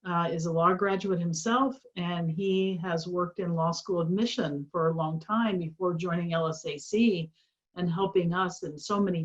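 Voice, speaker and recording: A middle-aged woman from a small town in Indiana, introducing a webinar as the organization's president, earnest and encouraging, with frequent fillers. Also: on the low side. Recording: slightly dull webinar audio.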